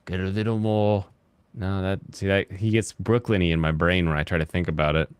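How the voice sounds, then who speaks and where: Deep, smooth-voiced young man chatting over gameplay. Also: no room sound. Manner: rambling, halting, with frequent fillers. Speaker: gaming host. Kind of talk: casual gameplay chat.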